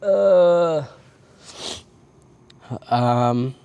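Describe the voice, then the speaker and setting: A young man vlogging late at night on a roof, talking in halting, repeated starts and swearing casually, tearful at times. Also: fairly high pitch, lively intonation, creaky, dark tone, clear, resonant tone, dull audio. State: tearing up. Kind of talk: late-night confessional vlog. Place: on a roof outdoors.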